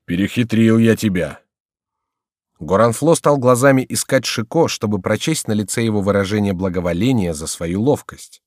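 A man narrating an audiobook in an expressive, scripted reading. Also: on the low side, brisk, hardly any pauses, no room sound, clean studio sound.

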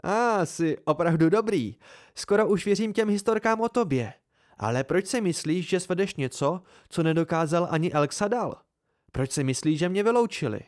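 A man voicing a fierce, proud young woman moneylender with a sharp, mocking way of talking. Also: lively intonation, no echo, clean studio sound. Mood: taunting. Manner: sharp, mocking and hissing, voice raised high.

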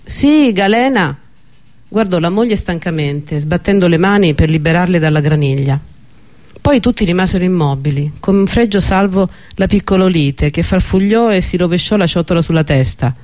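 A man narrating an Italian novel in a steady, expressive reading voice. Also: high voice, brisk. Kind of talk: audiobook narration.

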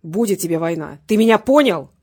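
A woman reading an audiobook, voicing a tough sarcastic man who threatens a rival over the phone in a loud, mocking way. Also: mid-range voice, brisk, slightly rough, natural voice. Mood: menacing.

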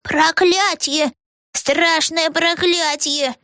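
A wailing, frantic shopkeeper. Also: female voice, extremely high pitch, steady tone, pushed and bright, no echo, studio quality, pitched above the performer's own voice, exaggerated voice. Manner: wailing, drawn-out lament. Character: frantic old shopkeeper ghost woman.

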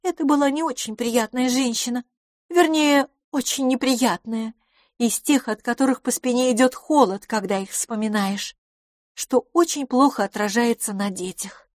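A woman reading an audiobook and voicing an impulsive, warm young woman in a high, gushing voice. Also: moderate pace, dry recording, clean studio sound, close to an everyday voice.

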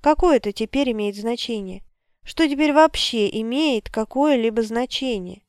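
A woman narrates an audiobook in an even storytelling read. Her voice is smooth and clear and sits a little high. The recording is dry and close-miked. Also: normal speed, no room sound. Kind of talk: scripted narration.

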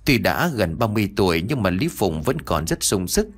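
A man narrating a horror story in a steady, dramatic reading voice. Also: on the low side, normal speed.

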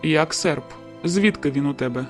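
Teasing, persistent teen boy in a storybook read, played by a woman in a lowered voice. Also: normal speed, soft background music, lightly acted. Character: teasing, persistent teenage boy, warm and cheerful.

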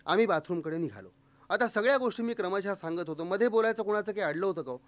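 A man's voice: high voice, fast talker, no echo. A man telling a humorous first-person story to an audience, slipping into the voices of the people in it. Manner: comic, lively, acts out quoted voices.

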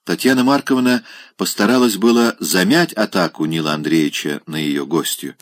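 A man narrating a classic novel as an audiobook in an expressive, measured reading. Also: deep voice, no echo.

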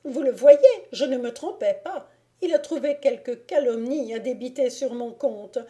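A woman reading a storybook voices a haughty bailiff's wife, shrill and indignant. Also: normal speed, mellow, natural voice.

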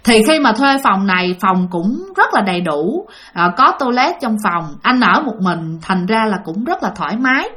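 A woman's voice: medium pitch, big pitch swings, moderate pace, a bit bright. A woman narrating a ghost story in a casual, chatty way, speaking directly to her listeners.

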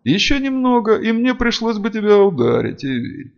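A man voicing a stern male dark mage lord who speaks in a commanding, cutting way. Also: high-pitched, sing-song, moderate pace, gravelly, pitched above the performer's own voice, heavily acted. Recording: dull lo-fi audio.

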